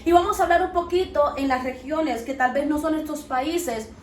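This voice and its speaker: A woman's voice: high-pitched, moderate pace. A woman, hosting a podcast and preaching Bible lessons in an earnest, exhorting way full of rhetorical questions. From Colombia. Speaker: podcast host teaching Bible principles. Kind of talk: preaching talk. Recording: echoey, distant mic, faint music behind.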